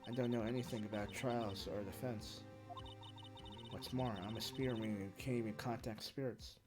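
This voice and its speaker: A man's voice: fairly low pitch, steady tone, normal speed, close to an everyday voice. A man voicing a self-pitying young woman spirit medium, over game music. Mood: dejected.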